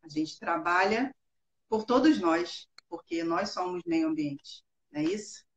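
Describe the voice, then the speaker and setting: A woman's voice: on the low side, lively intonation, measured pace, roomy sound, highs cut off. A woman hosting an interview, friendly, often ending with tag questions. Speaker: host.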